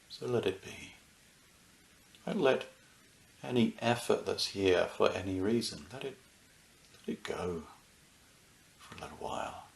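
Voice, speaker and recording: Guiding a meditation, a male teacher speaks gently in brief, calming phrases separated by unhurried pauses. His voice is lowish and creaky, and a clear echo fills the roomy recording.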